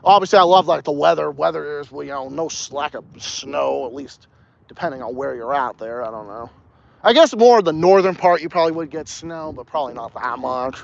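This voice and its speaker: Here the young Texan host sounds a touch high and gravelly, speaking a little fast over dull-sounding audio. He strolls around outdoors on a relaxed livestream, animated and profane, drifting from one thought to the next.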